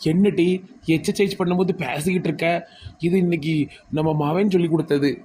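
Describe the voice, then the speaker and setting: Cartoon role: curt, stern village husband played by a woman, Tirunelveli Tamil accent, lower register. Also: fairly quick, a little hiss or hum, lightly acted. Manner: curt, scolding, counts out loud. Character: stern bossy village husband, middle-aged. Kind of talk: cartoon dialogue.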